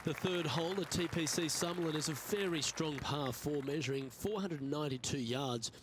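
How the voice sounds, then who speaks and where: An actor playing a measured, upbeat golf commentator in a video game, calling play as on a broadcast. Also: male voice, fairly high pitch, lightly acted. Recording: music and crowd behind commentary. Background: music, crowd.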